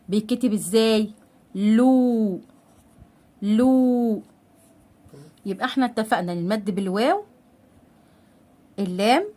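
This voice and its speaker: Patient Egyptian woman teacher sounding out syllables. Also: medium pitch. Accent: Egyptian Arabic. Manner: asks questions and answers them herself. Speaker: literacy teacher. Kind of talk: step-by-step reading lesson.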